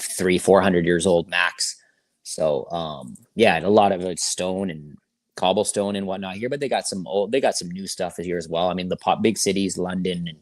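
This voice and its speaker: A low-pitched man chats casually as a musician guest in an interview, using laid-back, slangy phrasing and saying "you know" a lot. The recording is dry.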